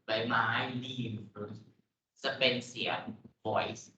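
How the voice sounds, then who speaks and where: A man's voice: on the low side, steady tone, extremely slow, pushed and bright, a little hiss or hum. A man with a Thai accent teaching English pronunciation in a lecture, patiently explaining and repeating words. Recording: echoey room, dull lo-fi audio.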